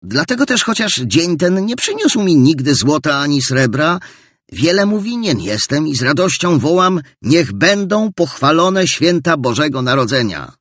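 A man reading aloud and voicing a cheerful, warm-hearted young nephew who speaks in a bright, ringing voice. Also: a little high, sing-song, moderate pace, dry recording, studio quality, voice pushed up. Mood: cheerful pleading.

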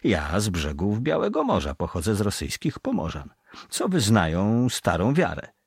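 A wary ship's bosun, voiced by a male audiobook reader speaks in a hushed, secretive way. His voice is deep and grainy with a husky edge. It is recorded close and dry. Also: wildly swooping pitch, normal speed, dry recording, full character voice. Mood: guarded. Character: evasive, superstitious middle-aged male ship's bosun.

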